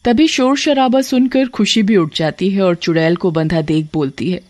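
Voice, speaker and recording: Steady horror cartoon storyteller. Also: mid-range voice, moderate pace, dry recording. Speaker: narrator.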